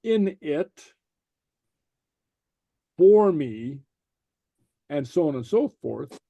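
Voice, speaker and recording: Brief: male teacher, slightly high voice, mellow tone, slow patient delivery, dry close sound. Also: sing-song, vocal fry, dry recording. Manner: patient, repeats "okay?" after each point, many fillers. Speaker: language teacher. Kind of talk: slow explanatory class lecture.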